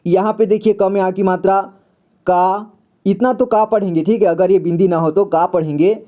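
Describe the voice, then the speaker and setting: A young man giving a slow, patient reading lesson, repeating each syllable and checking in often. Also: high-pitched, steady tone, warm tone. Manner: repeats syllables slowly, says "ठीक है" often. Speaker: Hindi reading teacher.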